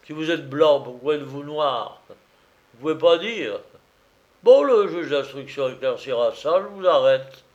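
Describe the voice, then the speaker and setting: A man voicing a pompous, blustering male gendarme who barks his questions loudly. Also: a little high, animated, measured pace, muffled recording. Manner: loud, pompous, bullying.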